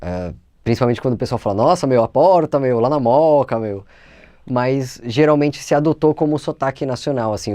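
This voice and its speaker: A man with a dark, dry São Paulo-accented voice. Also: medium pitch, no echo. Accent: São Paulo Brazilian Portuguese. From São Paulo, Brazil. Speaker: voice actor guest. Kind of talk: explanatory interview answers.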